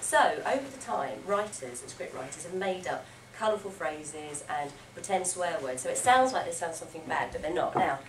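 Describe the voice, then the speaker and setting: A woman with a lively, swooping voice gives a playful talk to schoolchildren, firing questions at the room and praising the answers. She sounds distant from the mic in an echoey room, with steady noise underneath. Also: lowish voice, normal speed, hardly any pauses. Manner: animated, playful, quizzes and praises the kids. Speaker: children's author giving a library talk. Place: library event room.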